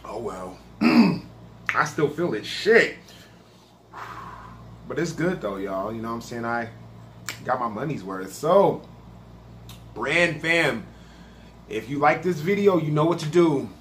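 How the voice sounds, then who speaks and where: A man's voice: medium pitch, animated, a little slow, long pauses, a bit bright, a little hiss or hum. A man casually reviewing a spicy snack on his own video channel, talking loosely and swearing a lot. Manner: profane, laid-back, chatty. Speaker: food reaction vlogger.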